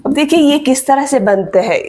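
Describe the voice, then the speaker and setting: A woman teaching an online grammar lesson, slowly repeating definitions so students can write them down. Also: high-pitched, animated, a little mellow. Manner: slow, repeats definitions for dictation.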